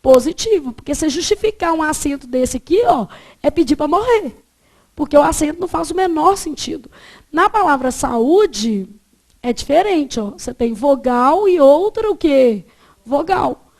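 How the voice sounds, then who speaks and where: A woman's voice: sits high, a little mellow. A woman teaching a grammar lesson, asking the class questions and answering them herself.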